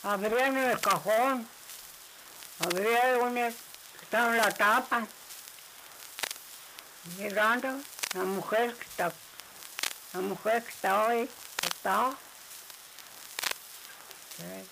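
A man telling a folk tale aloud, rambling and halting, repeating his phrases. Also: sits high, gravelly, background noise. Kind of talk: oral folk tale storytelling.

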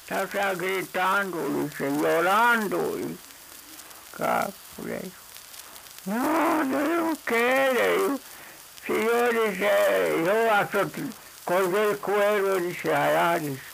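A man's voice: high-pitched, big pitch swings, takes it slowly, vocal fry, a bit bright, a little hiss or hum, low-quality recording. A man telling a long story in a casual, rambling way, breaking it up constantly with little 'he says, I tell him' asides.

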